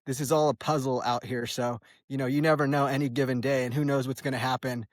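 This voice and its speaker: A man's voice: mid-range voice, flat delivery, quick pace, no echo, studio quality. An American man in his early forties chats casually and ramblingly for a vlog while running outdoors on a trail, in a laid-back, slangy way. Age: early 40s. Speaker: trail runner vlogging.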